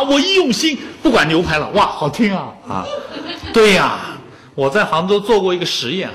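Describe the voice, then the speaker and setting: A man's voice: high voice, a bit bright. A man in his fifties giving a public lecture on music, telling anecdotes and joking with the audience.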